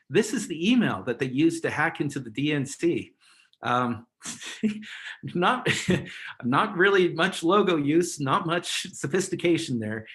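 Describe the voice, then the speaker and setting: A man's voice: on the high side, a bit bright. A man presenting a webinar in a casual, rambling way over a video call, chuckling often. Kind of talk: casual instructional talk.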